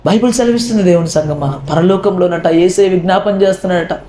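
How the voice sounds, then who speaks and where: A man's voice: high voice, fast talker, mellow, roomy sound, slight background noise. A man preaching a sermon as a pastor, impassioned and full of repeated rhetorical questions. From India.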